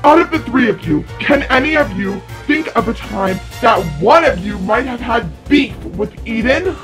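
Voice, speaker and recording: A woman's voice: fairly high pitch, lively intonation, normal speed, fairly bright tone, soft background music, pitched below the performer's own voice. A woman speaking through a voice changer app, playing a disguised lie detector interrogator who fires pointed, accusing questions. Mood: probing. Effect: voice changer app disguising her voice. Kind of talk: comedy sketch role-play.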